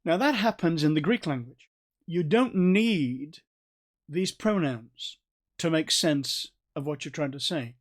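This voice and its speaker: A man's voice: on the high side, lively intonation, a little slow. A man leads a Bible study in a somewhat raised voice. He explains the passage patiently and leans hard on the key words he wants the listeners to notice. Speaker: Bible teacher.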